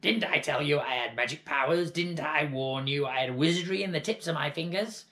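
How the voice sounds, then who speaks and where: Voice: mid-range voice, fairly quick, pitched above the performer's own voice, close to an everyday voice. A storybook reader voicing a scrawny, ancient grandmother with a screechy, shrieking voice. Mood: scornful. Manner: shrieking, gleeful bossy shouts. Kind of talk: storybook read-aloud.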